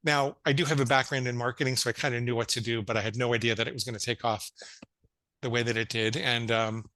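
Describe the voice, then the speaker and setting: A man's voice: mid-range voice, steady tone, quick pace, sharp tone, dry recording. A man in his fifties, a psychologist guest telling his story in casual interview chat, earnest, with stammered restarts. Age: 50s.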